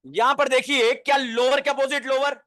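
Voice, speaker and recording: A man teaching a chemistry class, asking the students quick questions and answering them himself, then dictating notes word by word. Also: extremely high pitch, steady tone, fairly bright tone. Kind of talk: classroom lecture.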